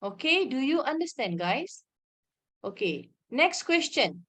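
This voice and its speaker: Slow, high-voiced Malaysian woman teaching. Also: sing-song, a bit bright, slightly rough. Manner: informal, checks understanding with frequent questions and local particles. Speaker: maths teacher. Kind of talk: online maths lesson, explaining step by step.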